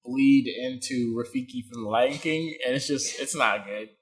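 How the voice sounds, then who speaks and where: A man's voice: medium pitch, moderate pace. A young man co-hosting a podcast, chatting casually, joking and rambling with lots of fillers. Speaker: podcast co-host. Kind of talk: casual chat.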